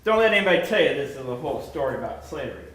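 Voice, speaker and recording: A stage actor playing a self-righteous, pompous 1840s slaveholder who lectures the audience in a live play. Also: male voice, on the high side, sing-song, very fast, fairly bright tone. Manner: pompous, indignant, addresses the audience. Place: theatre stage. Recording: echoey stage recorded from far off.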